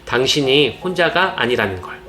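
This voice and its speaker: Earnest man narrating gentle parenting advice. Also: medium pitch, expressive, moderate pace. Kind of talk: scripted narration. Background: soft background music.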